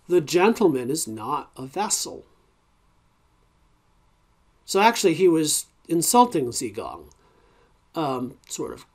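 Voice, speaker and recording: A man's voice: on the high side, darkish tone. A man teaching a recorded college ethics lecture in a conversational way, with many fillers and restarts and wry, informal asides.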